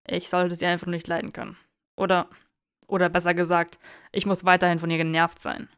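A woman's voice: fairly low pitch, completely flat delivery, fairly quick, smooth, natural voice. A woman reading as a brash, swearing young wizard. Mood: agitated. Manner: loud, swearing, defensive. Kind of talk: audiobook character reading.

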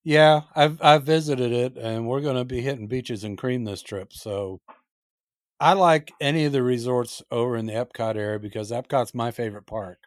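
A man's voice: medium pitch, moderate pace, no room sound, studio quality. A man hosting a podcast, affirming his guest in a friendly way. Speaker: podcast host. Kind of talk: casual interview chat.

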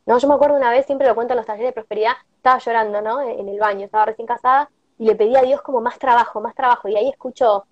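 A woman's voice: fairly high pitch, steady tone, very fast, few pauses, no echo. A middle-aged woman with an Argentine Rioplatense accent giving an earnest motivational talk, sprinkling in personal stories and tag questions. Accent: Argentine Rioplatense Spanish. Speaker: prosperity workshop guest speaker. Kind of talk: motivational talk on a live stream. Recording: dull lo-fi stream audio.

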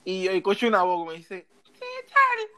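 A man, hosting a casual chat and telling an animated story, laughing and acting out the other people in it. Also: high voice, quick pace, smooth. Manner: animated, laughing, acts out voices in his story. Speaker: podcast host.

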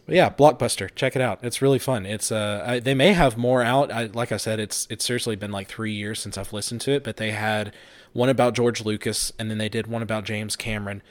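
A man's voice: fairly low pitch, a little fast, no echo. A man in his thirties hosts a casual podcast, his talk loose and rambling, full of fillers and false starts. The sound is close and dry, with no room around it. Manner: relaxed, rambling, with fillers and restarts. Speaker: podcast host. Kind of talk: casual chat.

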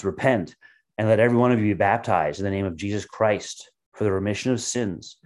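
A man with a somewhat low voice leads a short devotional sermon. He reads scripture aloud and explains it in a steady, teaching manner. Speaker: pastor.

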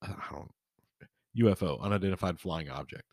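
A man hosting a podcast solo in casual, rambling, chummy talk, swinging between emphatic bursts and quiet trailing-off. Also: deep voice, fairly quick, no room sound, studio quality. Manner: rambling, informal, chummy address to listeners. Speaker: podcast host.

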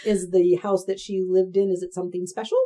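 A woman co-hosting a podcast in casual chat, with wry jokes and quick reactions. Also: fairly low pitch, flat delivery, mellow. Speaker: podcast co-host.

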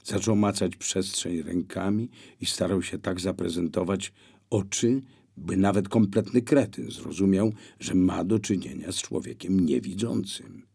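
A man reading an audiobook aloud in a measured, expressive way. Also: deep voice, creaky, slightly rough. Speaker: audiobook narrator. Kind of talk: scripted narration.

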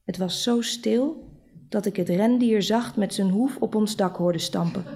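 A woman reading a literary short story aloud in a measured, dry storytelling manner. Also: medium pitch, dark tone. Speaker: reader.

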